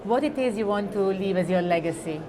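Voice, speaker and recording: A woman's voice: mid-range voice, animated, a little fast, noisy background. A woman conducting an interview, asking polite, direct, prepared questions.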